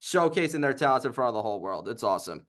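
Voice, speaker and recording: A man's voice: mid-range voice, very animated, fairly bright tone. A man co-hosting a sports podcast, eager and upbeat as he asks questions. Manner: upbeat, eager, quick to react. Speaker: podcast co-host.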